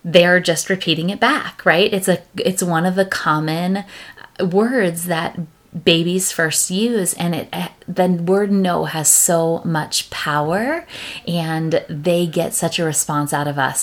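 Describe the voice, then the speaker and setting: Slow, low-voiced woman podcast host. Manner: upbeat, with quick acted-out quotes of parents and kids. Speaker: podcast host, parent coach. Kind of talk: casual podcast talk.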